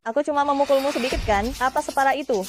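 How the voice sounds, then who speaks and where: An actress playing a cold, impatient young wife, curt and dismissive, in a dubbed drama. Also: female voice, sits high, very fast, natural voice. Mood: defensive. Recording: dramatic music behind the voice.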